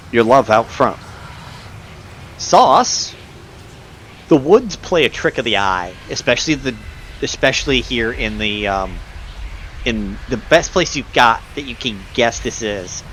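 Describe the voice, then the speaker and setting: A man running a tabletop game as game master, improvising narration and pausing to search for words. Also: mid-range voice, lively intonation, a bit bright. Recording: clear background noise.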